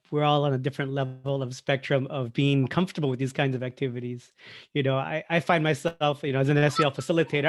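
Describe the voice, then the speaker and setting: A man's voice: medium pitch, dry recording, clean studio sound. A man who works as a facilitator, speaking earnestly with rhetorical "right?" asides over a video call. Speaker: SEL facilitator. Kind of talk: discussion remarks.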